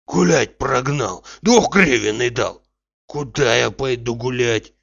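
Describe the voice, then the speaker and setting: A man's voice: mid-range voice, gravelly, fairly bright tone, full character voice. A man voicing a grumbling lazy old manservant. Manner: slow, stubborn grumbling. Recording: dull, dry recording.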